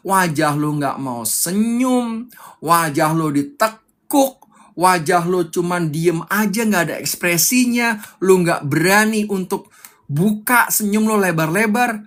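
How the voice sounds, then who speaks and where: A man's voice: high-pitched, takes it slowly, a bit bright. A young man coaching public speaking on a live stream, fiery and emphatic, repeating his key points.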